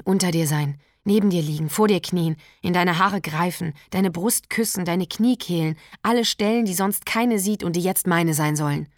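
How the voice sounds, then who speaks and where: A woman with a lowish voice reads a literary piece in a quiet, measured, intimate manner. The sound is close and dry, with no room around it. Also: no echo. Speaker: narrator. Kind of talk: literary reading.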